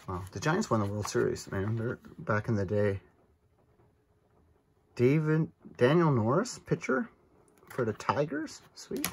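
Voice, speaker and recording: A man's voice: mid-range voice, fairly bright tone, husky. A man hosting a casual card-opening vlog, chatting with enthusiasm and frequent asides from an indoor table. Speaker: card-opening channel host.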